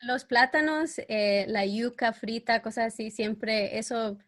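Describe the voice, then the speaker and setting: A woman's voice: on the high side, a little slow, a bit bright, no echo. A middle-aged woman from El Salvador, raised in New York, speaking as a guest in a casual podcast interview. She talks hesitantly, with many fillers, and sometimes searches for words. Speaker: guest expert.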